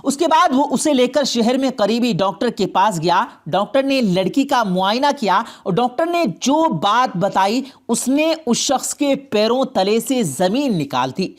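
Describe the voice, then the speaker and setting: A woman narrating a dramatic story in an expressive storytelling manner. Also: on the high side, hardly any pauses.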